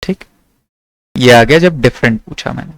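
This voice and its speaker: A man's voice: medium pitch, moderate pace, creaky, no echo. A young man from teaching maths to a class, checking often that his students follow. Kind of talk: classroom lecture.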